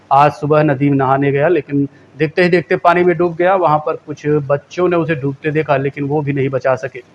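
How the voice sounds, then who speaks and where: A man reading a local news bulletin in a steady, formal voice. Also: fairly high pitch, highs cut off, slight background noise. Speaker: news anchor.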